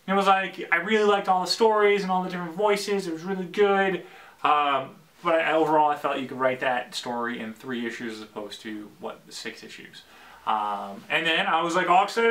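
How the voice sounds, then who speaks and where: Bright, excitable man rambling solo. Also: high-pitched. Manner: excitable, rambling, swings into loud bursts. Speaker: podcast host. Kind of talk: casual solo talk. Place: basement.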